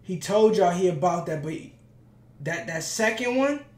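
A man hosting a reaction video, talking casually while standing, hyped and full of shout-outs. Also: sits high, lively intonation, moderate pace. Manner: talks standing up. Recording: echoey room with music playing.

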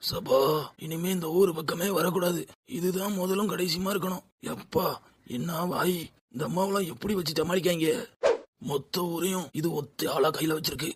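A man doing a husky, timid fish seller. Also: on the high side, fairly even intonation, moderate pace. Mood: timid grumbling. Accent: Tirunelveli Tamil. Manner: timid, grumbling under his breath. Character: meek harried male fish seller, grumbling.

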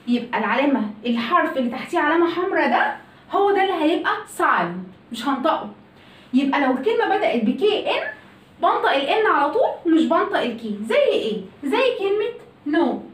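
A woman with an Egyptian Arabic accent teaching English pronunciation in a video lesson, asking and answering her own questions. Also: high-pitched. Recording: echoey room, mic at a distance.

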